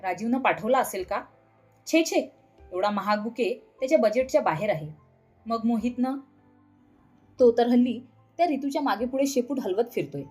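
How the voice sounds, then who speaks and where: A woman's voice: on the high side, lively intonation, normal speed, long pauses, mellow, husky, faint music behind. A woman voicing a cool, casual young college daughter who slips English words into her speech in a storybook reading. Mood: breezy.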